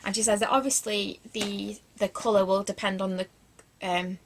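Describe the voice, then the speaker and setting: A woman's voice: mid-range voice, level tone, normal speed, slight background noise. A young woman in her twenties, chatting casually through a beauty product review, rambling with lots of fillers and self-deprecating asides. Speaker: beauty vlogger.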